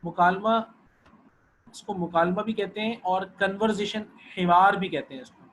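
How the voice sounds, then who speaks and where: A man's voice: sits high, fairly even intonation, a bit bright, slight background noise, poor audio. A man teaching an online Arabic class, patient, often repeating and checking that students follow.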